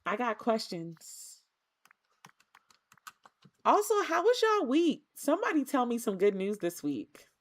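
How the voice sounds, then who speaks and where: A young woman chatting casually while streaming a game, animated and playful, slipping into put-on as she talks. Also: on the high side, slow, pauses often.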